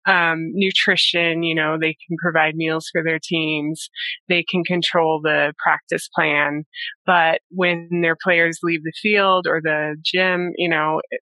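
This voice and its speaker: A woman sleep scientist, a guest in an interview, explaining research in a measured way with frequent pauses and "you know". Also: low voice, flat delivery, pushed and bright, no echo, rough recording. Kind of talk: interview conversation.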